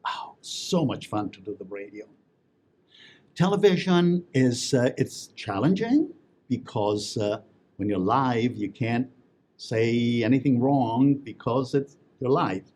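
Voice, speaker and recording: In a casual interview, a male guest tells stories chattily, restarting often and using many fillers. His voice is medium-pitched, expressive, slow and a little mellow.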